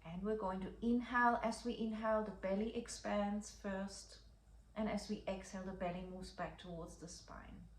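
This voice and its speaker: A woman's voice: medium pitch, steady tone, normal speed. A woman breathwork teacher giving instructions for a breathing practice in a reassuring, encouraging, unforced manner. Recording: echoey room, faint background noise.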